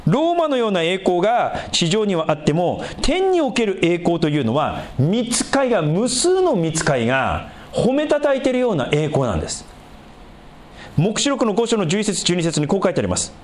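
A man preaching a sermon as a pastor, animated, repeating words for emphasis and swinging from low asides to high, exclaimed scripture. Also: normal speed.

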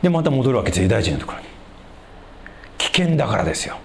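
A man preaching a sermon, asking the congregation rhetorical questions and swinging between loud emphasis and hushed low passages. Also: very animated, rapid-fire, creaky, a little hiss or hum. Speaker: pastor.

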